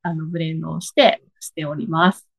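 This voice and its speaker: A woman's voice: deep voice, steady tone, fairly quick, gravelly, breathy edge. A woman from Osaka with an Osaka accent, explaining things casually in a hesitant way with small self-corrections. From Higashiosaka, Osaka, Japan. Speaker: guest, coffee bean shop owner. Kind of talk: casual interview conversation. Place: at home, on a video call.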